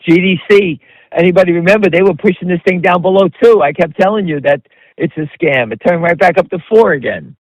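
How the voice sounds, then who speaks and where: On a dry, low-quality recording, a man with a fairly high-pitched voice runs an improvised stock commentary call. He speaks bluntly and with emphasis, repeats himself, and addresses his audience directly in a conversational manner.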